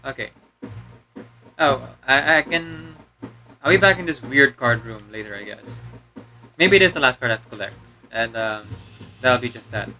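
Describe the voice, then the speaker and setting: A man's voice: mid-range voice, animated, moderate pace, long pauses, bright, forceful tone, soft background music. A man putting on a straining demon voice. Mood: playful. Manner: rambling, hesitant, many fillers. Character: put-on demon voice of a male game narrator. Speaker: let's play gamer. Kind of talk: casual game commentary.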